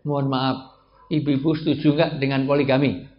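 A man's voice: medium pitch, flat delivery, normal speed. A male preacher, giving a humorous religious lecture, joking with the audience and acting out the people he quotes. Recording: dull lo-fi sound with faint noise.

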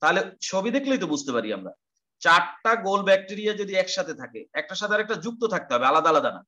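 Fast, bright-voiced man teaching a class. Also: high voice, very animated, muffled recording. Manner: explains step by step, repeats terms, asks rhetorical questions. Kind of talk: online class lecture.

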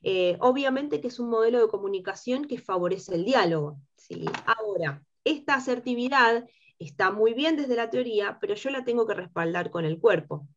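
A woman with an Argentine accent and a high-pitched timbre, teaching a workshop class and checking in with her students through rhetorical questions. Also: lively intonation, moderate pace, muffled recording. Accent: Argentine Spanish. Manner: explains with rhetorical questions and frequent tag "¿sí?". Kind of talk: lecture to students.

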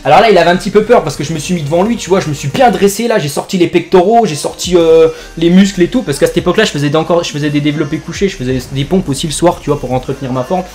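A man's voice: a little high, racing, few pauses, darkish tone. A young man from France, a gaming YouTuber, tells a made-up joke story over gameplay in rambling, jokey slang full of fillers.

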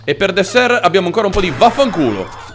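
A man hosting a let's play, giving excitable gameplay commentary, swearing a lot and chatting with the creatures on screen. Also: fast talker, soft background music. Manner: jumps into squeaky cooing over cute creatures. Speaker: gaming channel host.

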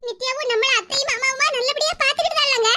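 Heavy background noise surrounds an extremely high-pitched, fast voice. It belongs to a voice actor portraying an anxious cartoon mother and wife of middle age in Kanyakumari Tamil, who coaxes, begs repeatedly and frets to herself for comic effect.

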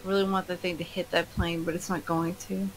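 A woman chatting casually with friends during an online shooter game, wry and quick to swear. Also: fairly low pitch, level tone, slight background noise, rough recording. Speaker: gamer teammate. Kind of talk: casual gaming chat.

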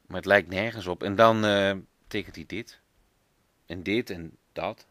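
A man's voice: deep voice, a little slow, dry recording. A man reading a children's book aloud as a parent, telling it expressively. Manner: expressive storytelling.

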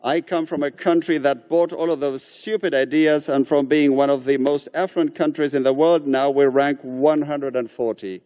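A man interpreting a political speech live, in a measured, somewhat halting delivery. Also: a little high, steady tone, warm tone.

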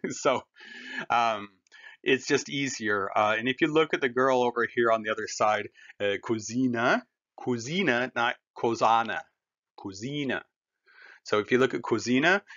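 A man walks learners through a German lesson in a patient, conversational way. His pitch rises and falls animatedly, and the recording sounds dull and lo-fi. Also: a bit bright. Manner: patient, conversational, explains with everyday comparisons. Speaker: German teacher. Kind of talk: classroom language lesson.

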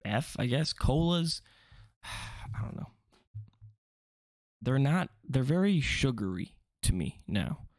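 Speaking in a mid-range, sing-song voice with a gravelly, frayed edge, a young male vlogger meanders slowly through a casual video, pausing often, cutting himself off and adding jokey remarks. There's no room sound; everything sounds close and dry.

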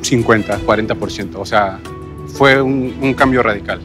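A man's voice: lowish voice, normal speed, music in the background. A man with a Mexican Spanish accent, an entrepreneur answering investors steadily and earnestly. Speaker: entrepreneur pitching a business. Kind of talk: business pitch on TV.

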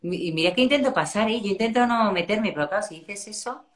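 A woman's voice: mid-range voice, expressive, fast. A woman from Spain with a mid-range voice chats on a live stream. She speaks frankly in everyday slang and drops a casual curse here and there. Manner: frank and colloquial, swears casually. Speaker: co-host.

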